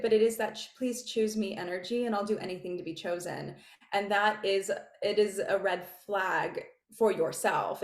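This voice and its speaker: A woman dating coach talking in a casual interview, animated, laughing often and acting out what her clients say. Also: mid-range voice, roomy sound.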